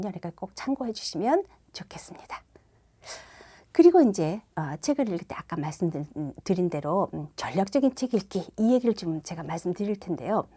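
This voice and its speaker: A middle-aged woman teaches parents how to read picture books to their children. Her pitch swings widely as she explains, while the tone stays soft and mellow. She slips into playful read-aloud voices for the lines she quotes. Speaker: reading coach. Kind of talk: instructional talk to parents.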